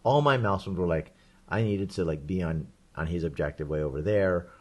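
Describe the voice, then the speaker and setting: Low-voiced male podcast co-host, rambling animated storyteller, casual. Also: a little fast. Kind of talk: casual chat.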